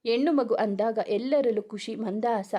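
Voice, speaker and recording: A woman storyteller narrating a romance serial aloud, reading in a steady, even pace. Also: fairly high pitch, normal speed.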